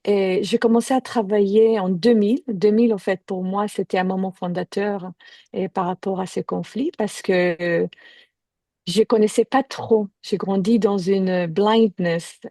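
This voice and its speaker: A woman from Jaffa speaking calmly as a panelist in a webinar. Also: mid-range voice, unhurried, vocal fry, no room sound. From Jaffa, Israel. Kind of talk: webinar talk. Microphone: video call.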